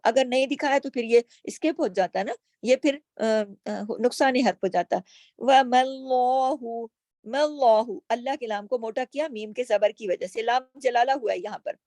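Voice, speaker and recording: A woman's voice: a little high, normal speed, hardly any pauses, a little mellow, dry recording. A woman teaching tajweed, patiently explaining each letter and asking herself questions as she goes. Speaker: Quran recitation teacher. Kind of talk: slow tajweed lesson with recited words.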